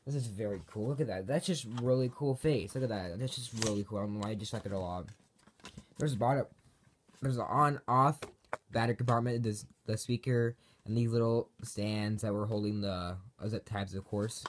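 This Halloween prop reviewer speaks on the low side and fairly quickly, casually rambling on his own channel. He repeats himself and fixes his own words as he goes. The amateur home video has noise in the background.

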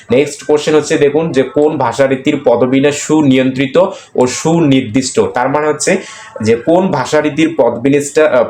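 A man's voice: mid-range voice, a little mellow. Bangladeshi man teaching in an echoey room. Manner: explanatory, repeats each question and answer, filler "aah". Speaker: exam prep teacher. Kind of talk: screen-recorded lesson walking through quiz answers. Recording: echoey room, faint background noise.

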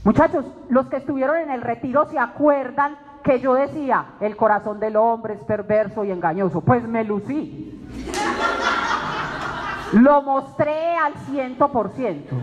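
A woman's voice: a little high, a little slow. A woman giving an emotional testimony sermon to a faith group, telling her story dramatically and acting out her own words. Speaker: speaker at a weekly faith meeting. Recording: dull recording in a reverberant hall.

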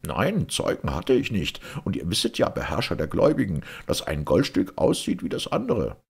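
A man voicing a frightened, lying merchant in an audiobook tale, pleading in a high wail. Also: wildly swooping pitch, normal speed, vocal fry, breathy edge, heavily acted. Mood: whining. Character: whining frightened male merchant, cringing liar.

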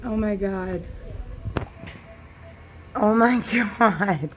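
A woman filming with her phone in a veterinary clinic, commenting with gasping, often hushed exclamations of awe. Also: mid-range voice, very slow, rough recording. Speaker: dog owner filming a birth. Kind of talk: excited casual commentary.

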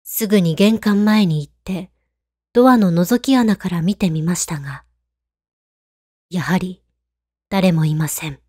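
A woman reading a scripted horror story in a hushed, calm, creepy storytelling manner. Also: fairly low pitch, unhurried, long pauses, breathy edge, dry recording, clean studio sound. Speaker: ghost story narrator.

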